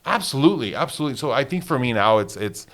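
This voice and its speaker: A man in his late thirties co-hosting a casual podcast chat, animated and laughing often, with lots of "like" fillers. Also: mid-range voice, racing. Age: 30s. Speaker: podcast co-host.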